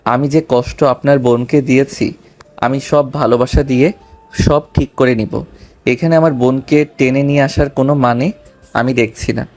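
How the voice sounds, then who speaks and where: A man playing a calm, firm young husband and gentle father in an audio drama. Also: mid-range voice, normal speed, faint music behind, lightly acted. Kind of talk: Bengali audio drama acting.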